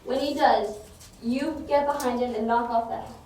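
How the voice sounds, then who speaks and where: A woman's voice: on the high side, moderate pace, mellow, close to an everyday voice. A woman playing an earnest, sensible detective's sidekick who explains things in a comedy drama. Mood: resolute. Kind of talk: theatrical comedy drama acting. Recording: very echoey room, distant mic, faint noise.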